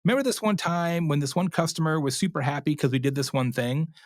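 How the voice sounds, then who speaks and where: Fast and fairly high-pitched, the man speaks over clean studio sound with no room tone. He's being interviewed as an expert, explaining casually like an animated storyteller who performs imagined customer quotes and keeps checking in with "right?"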